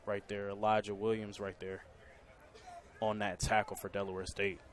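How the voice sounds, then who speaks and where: A man's voice: on the low side, level tone, moderate pace. An American man giving conversational colour commentary on football, often repeating his phrases.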